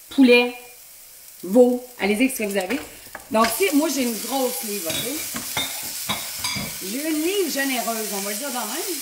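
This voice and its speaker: A woman's voice: fairly high pitch, slight background noise, poor audio. A woman in her thirties with a Québécois French accent, chatting with viewers as she cooks during a live stream. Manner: chatty, talks to viewers' comments while cooking. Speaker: home cooking livestream host. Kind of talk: casual live cooking stream chat. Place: home kitchen with a sizzling pan.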